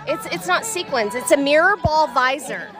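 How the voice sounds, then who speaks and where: A woman's voice: high voice, animated, moderate pace, a crowd in the background. A tipsy woman guest bantering playfully and emphatically at a pool party. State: tipsy on champagne. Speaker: interviewed camp guest. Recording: clear music behind.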